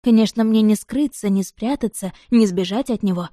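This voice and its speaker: A woman narrating a first-person novel as an audiobook, expressive and tense. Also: medium pitch, normal speed, no echo, studio quality.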